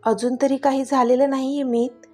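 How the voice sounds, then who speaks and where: A lady doing the excited young wife in a story, bit high and sweet, soft music behind. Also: moderate pace. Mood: tender. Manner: affectionate, excited. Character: young wife, eager and loving.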